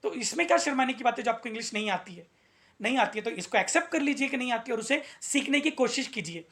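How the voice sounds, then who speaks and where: A man's voice: extremely high pitch, expressive, fast talker, a bit bright. A male English teacher giving a motivational video lesson, earnest, repeating his key points and asking rhetorical questions.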